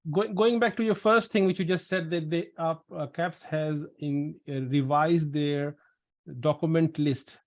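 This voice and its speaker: A man's voice: fairly high pitch, steady tone, measured pace, a little mellow. A man from Pakistan hosting a pharmacist webinar over a video call, explaining at length and often repeating words. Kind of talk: casual webinar Q&A.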